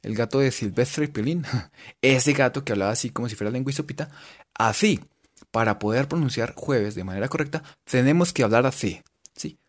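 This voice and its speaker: A young man teaching English pronunciation in a casual video lesson, joking and drilling words slowly. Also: mid-range voice.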